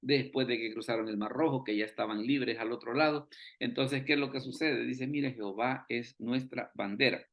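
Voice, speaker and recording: A man's voice: mid-range voice, moderate pace, dull audio. Man teaching, full of rhetorical questions. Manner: keeps asking rhetorical questions and repeating phrases. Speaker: Bible study teacher. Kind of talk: online Bible study lesson. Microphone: video call.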